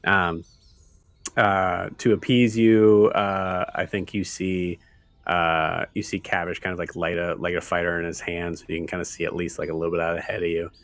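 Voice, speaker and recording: A man narrating as game master of an online tabletop game, halting, with many fillers. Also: sits low, little pitch movement, a bit bright.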